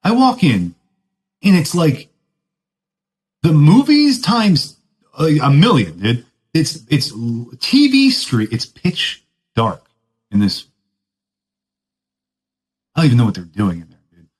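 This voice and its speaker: A man hosts a podcast, telling a loose story in relaxed surfer slang. His pitch jumps all over as he talks, swinging high and low. He pokes fun at himself and laughs along the way. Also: takes it slowly, long pauses, rough recording. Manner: laid-back surfer talk, keeps saying "dude"; rambling, self-mocking, laughs often. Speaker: podcast host. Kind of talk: casual storytelling monologue.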